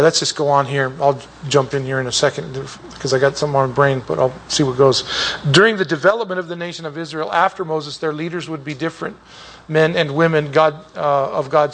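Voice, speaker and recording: Rambling, slightly high-voiced male Bible teacher. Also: a bit bright. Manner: rambling and digressive, with many restarts. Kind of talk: informal Bible class teaching.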